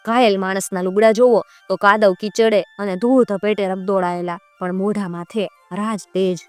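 Smooth-voiced woman folk storyteller. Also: medium pitch, steady tone, moderate pace, no echo, soft background music. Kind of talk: folk-tale narration.

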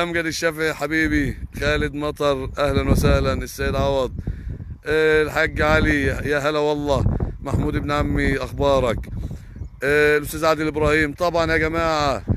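Fast, heated young Egyptian farmer. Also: male voice, on the high side, noisy background. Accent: Egyptian Arabic. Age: young adult. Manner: heated, indignant, fast and emphatic with repeated oaths. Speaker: potato farmer streaming live. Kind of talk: live stream reading viewer comments.

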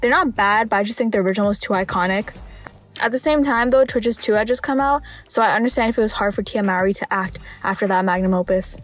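A woman's voice: mid-range voice, quick pace, faint music behind. A woman narrating scripted video commentary with dry, wry humour.

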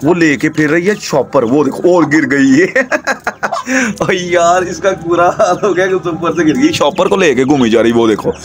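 A young man hosting a casual pet vlog at home, chatting excitedly and coaxing his animals. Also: a little high, a little slow, background noise. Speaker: pet vlogger.

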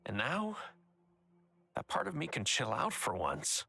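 An actor voicing an earnest, kindly middle-aged baker in a video game, with emotional, heartfelt delivery. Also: male voice, medium pitch, huge pitch swings, unhurried, vocal fry, bright, forceful tone, breathy edge, full character voice. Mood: relieved.

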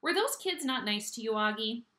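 A woman's voice: fairly high pitch, expressive, moderate pace, echoey room, voice pushed up. A woman reading a caring, worried mother. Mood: gentle. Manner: gentle, concerned. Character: caring, protective mother of a young boy.

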